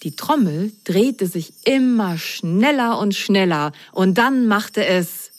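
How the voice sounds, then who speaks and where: A woman reading a children's bedtime story in a gentle, expressive way. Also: medium pitch, slow pace, no echo, faint music behind.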